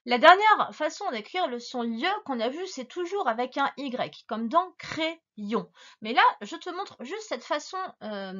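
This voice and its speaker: Slow, patient woman teacher dictating words. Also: sits high, bright, forceful tone, lo-fi sound. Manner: spells words out letter by letter. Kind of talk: dictation lesson for a young child.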